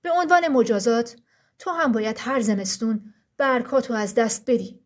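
A woman's voice: fairly high pitch, natural voice. A woman voicing Frost, the powerful ruler of the forest in a storybook tale, speaking in a solemn, firm and scolding way. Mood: stern.

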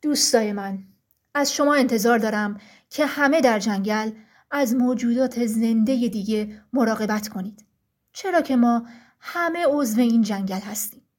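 A woman's voice: fairly high pitch, close to an everyday voice. A woman voicing Frost, the powerful ruler of the forest in a storybook tale, speaking in a solemn, firm and scolding way.

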